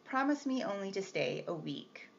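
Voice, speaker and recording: A woman reading the part of a brusque, teasing gentleman employer with a gruff, commanding manner. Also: sits high, big pitch swings, moderate pace, exaggerated voice. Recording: slightly muffled with faint hiss.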